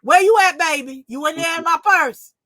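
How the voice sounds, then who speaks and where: A woman's voice: very high-pitched, normal speed, bright, forceful tone, voice pushed up. A woman voicing her fashionable older grandmother, who scolds a small child for rummaging in her handbag, in a teasing, sing-song manner. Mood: scolding.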